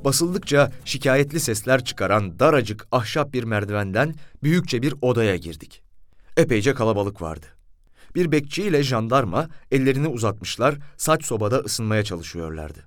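A man narrating a first-person story in a wry, lively telling. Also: mid-range voice, moderate pace, no echo, clean studio sound, soft background music.

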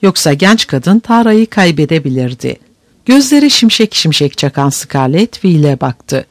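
High, lively male audiobook narrator. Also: moderate pace, no echo.

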